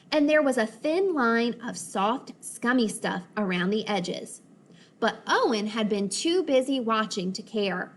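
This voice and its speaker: A woman's voice: a little high, fairly bright tone. A woman teacher explaining vocabulary and reading a story aloud to young children, patiently and with voices for the characters, over a video call. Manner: patient, explaining words slowly, acting out character lines. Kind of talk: read-aloud lesson for children.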